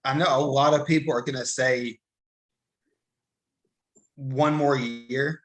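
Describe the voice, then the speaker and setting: A man's voice: medium pitch, fairly even intonation, takes it slowly, fairly bright tone, rough recording. A man co-hosting a casual sports podcast, blunt and brief, mostly agreeing. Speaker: podcast co-host.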